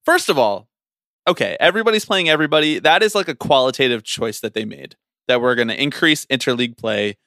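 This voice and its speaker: A man's voice: medium pitch, fast, no room sound, studio quality. A man co-hosting a podcast, chatting casually and ranting with teasing energy. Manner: animated, teasing, ranty. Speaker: podcast co-host.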